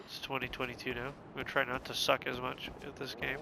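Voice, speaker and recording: A man's voice: medium pitch, level tone, fast, vocal fry, heavy background noise. A man with a cold and a stuffed-up nose, casually commenting on a video game and muttering his thoughts aloud as he puzzles things out. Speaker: let's play gamer.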